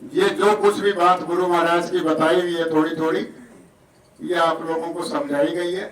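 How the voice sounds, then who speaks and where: A man's voice: on the high side, little pitch movement, normal speed, a bit bright. A man preaching at a village satsang gathering from Rajasthan, folksy and humble, acting out villagers' voices as he makes announcements. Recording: echoey, distant, outdoor noise.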